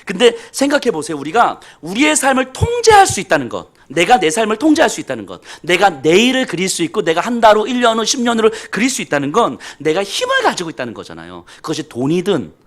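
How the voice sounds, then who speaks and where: A man's voice: high-pitched, huge pitch swings, fast talker, hardly any pauses. A man pastor preaching a sermon, telling self-deprecating stories with humor.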